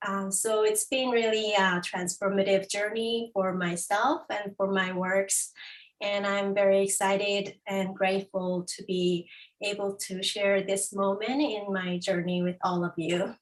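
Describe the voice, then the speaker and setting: A woman artist giving a measured introduction of herself, with frequent fillers. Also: mid-range voice, steady tone, distant mic, rough recording. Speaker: exhibiting artist. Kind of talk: personal introduction. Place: arts centre gathering.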